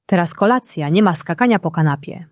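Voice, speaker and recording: A woman reading a quiet, serious storybook father. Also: fairly low pitch, animated, brisk, no echo, studio quality, close to an everyday voice. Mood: worried. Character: worried father of a small boy.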